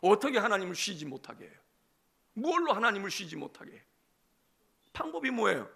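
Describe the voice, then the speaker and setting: A male senior pastor delivers a sermon, acting out dialogues and putting questions to his congregation. His voice is bright and forceful, gravelly, with a husky rasp. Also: high-pitched, brisk. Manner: animated, acts out dialogues, asks the congregation questions.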